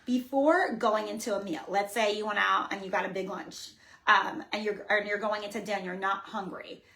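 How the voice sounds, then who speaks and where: Energetic woman fitness coach co-hosting a casual coaching webinar. She talks emphatically, pushing her points hard and tagging lines with quick check-ins to the listeners. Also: mid-range voice.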